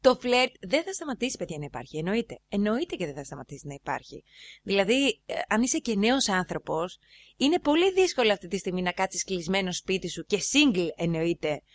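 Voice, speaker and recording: A woman vlogger chatting casually to her viewers, retelling stories in an animated way and turning often to address the audience. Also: medium pitch, no echo. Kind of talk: casual storytelling and advice to viewers.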